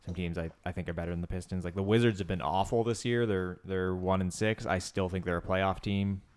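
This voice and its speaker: Deep, dry man. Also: steady tone, brisk, clean tone. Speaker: podcast co-host. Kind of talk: casual sports chat.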